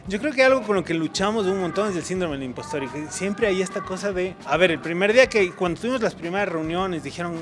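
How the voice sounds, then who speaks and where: Quick, high-voiced ecuadorian man on noisy street. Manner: earnest, storytelling, eager. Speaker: cinematographer, guest. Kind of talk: interview answers. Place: city street outdoors. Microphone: handheld microphone held by interviewer.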